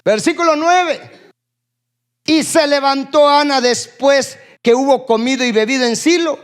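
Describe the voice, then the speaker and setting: A pastor preaches a sermon to his congregation in church. He keeps asking the room questions and calling for responses, swinging between loud bursts and quiet asides.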